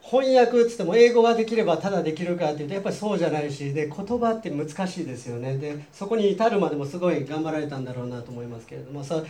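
Racing along with hardly any pauses, a man from Japan preaches in a fairly high, mellow, animated voice with a Japanese accent. In a Seattle church hall, he repeats each point himself in a second language and keeps up a chatty back-and-forth of questions with his audience.

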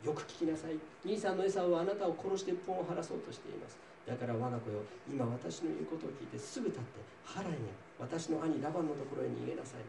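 A man's voice: a little high, expressive, quick pace, creaky, few pauses, far from the mic. A man reading an anxious mother urging flight. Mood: urgent. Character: anxious mother urging her son to flee. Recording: roomy, voice from off-mic, faint noise.

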